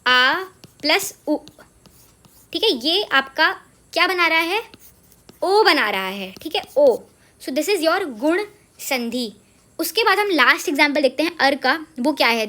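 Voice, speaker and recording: A woman's voice: high-pitched, fairly bright tone. A woman teaching an exam-prep grammar lesson, mixing English into her Hindi and checking in often with rhetorical questions.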